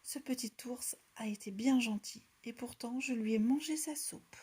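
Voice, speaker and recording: A woman voicing a remorseful little girl, thinking aloud in a soft whisper. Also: a little high, normal speed, slightly rough.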